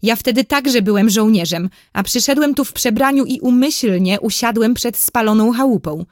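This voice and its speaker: A woman's voice: on the high side, normal speed, no room sound, clean studio sound, natural voice. Woman doing a defiant young boy soldier. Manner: bold, insistent.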